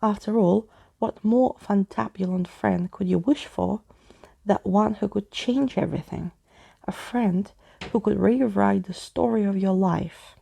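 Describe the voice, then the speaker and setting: A woman's voice: mid-range voice, unhurried, creaky, mellow, breathy edge, heavily acted. A woman voicing a pompous, wordy old male skeleton in a storybook reading, with grandiose, theatrical speech. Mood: grand, explaining.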